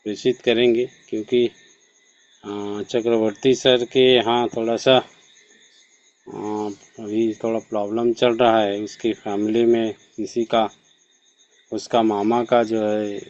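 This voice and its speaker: A man moderating an online session, making formal announcements in a slow, measured way with frequent hesitations, over a video call. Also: on the low side, muffled recording.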